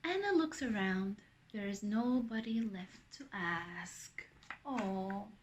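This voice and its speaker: A woman reading a picture book aloud to young children, pausing to ask them questions. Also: medium pitch, slight background noise. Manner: animated, with asides and questions to young listeners.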